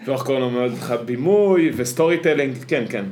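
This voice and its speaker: A man's voice: medium pitch, darkish tone, slight background noise. A man with an Israeli accent, chatting casually as a podcast co-host. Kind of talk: casual chat. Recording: roomy, echoey sound.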